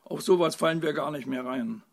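A man's voice: fairly high pitch, fairly quick, gravelly, voice pushed up. A man voicing a stubborn, suspicious old farmer in a storybook reading. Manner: grumpy, distrustful, dismissive.

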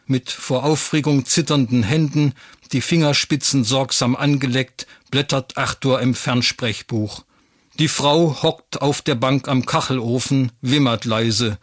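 A man narrating a written story in a wry, even storytelling manner, recorded close on a studio mic. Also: mid-range voice, measured pace, no echo.

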